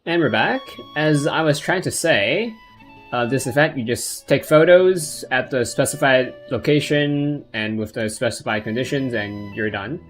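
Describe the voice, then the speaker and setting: A man's voice: medium pitch, animated, a little slow. Offhand male game streamer over music. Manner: hesitant, rambling, offhand. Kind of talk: casual live game commentary. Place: indoor live stream of a video game. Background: plucked guitar game music.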